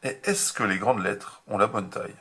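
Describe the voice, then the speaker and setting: A man teaching a remote handwriting lesson to young children, slow and patient, spelling out each step. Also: on the low side, fairly bright tone, husky. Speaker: kindergarten teacher.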